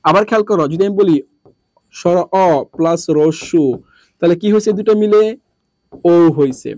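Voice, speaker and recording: Male tutor from Bangladesh, high pitch, dry close sound, repeats questions and answers them himself. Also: normal speed, darkish tone, dry recording. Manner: repetitive, drilling. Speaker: teacher. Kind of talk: classroom lesson.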